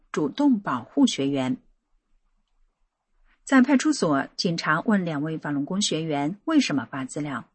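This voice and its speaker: A woman hosting a radio program, giving a measured, expressive scripted narration. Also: slightly rough, no room sound. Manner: measured, expressive reading with lively pitch.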